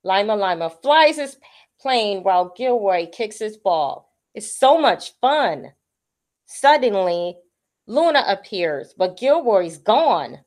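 A woman acts as storyteller, reading a children's picture book aloud with expressive delivery. Her voice is medium-pitched and she takes it slowly.

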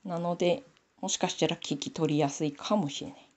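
Knitting a sock on camera, a woman with a Nanbu Aomori accent talks casually to herself in a laid-back tutorial chat. She's from Aomori, Japan, and her voice is on the low side, fairly even in intonation, fairly quick, and a little mellow.

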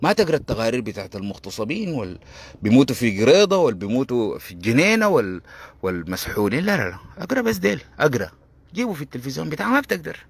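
A man's voice: mid-range voice, sing-song, rapid-fire, gravelly, slightly rough, no echo. A man with a Sudanese Arabic accent giving a heated political commentary monologue, combative and sarcastic, hammering points by repeating them.

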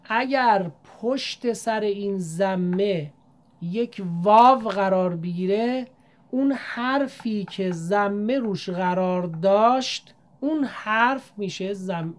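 A woman teaching Quran reading, speaking politely and formally to learners and drawing out each demonstrated syllable in a measured way. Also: fairly low pitch. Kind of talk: recitation lesson.

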